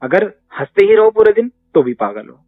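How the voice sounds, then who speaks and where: A man's voice: high voice, very animated, normal speed. A man answering questions as a therapist, making his points emphatically with rhetorical questions. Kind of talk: conversational Q&A advice. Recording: tinny phone-line audio with faint music.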